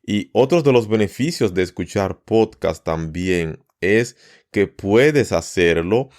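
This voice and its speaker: A man hosting a podcast lesson, teaching learners at an easy pace and often repeating words or listing them slowly one by one. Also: lowish voice, expressive, darkish tone. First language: Spanish. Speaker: Spanish teacher and podcast host.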